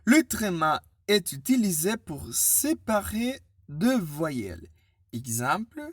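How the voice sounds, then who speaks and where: Woman teacher for a beginner class, very slow and deliberate, lively pitch, dry close sound. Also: no room sound. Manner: spells words out letter by letter, patient and deliberate. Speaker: French teacher. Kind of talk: slow, clear beginner language lesson.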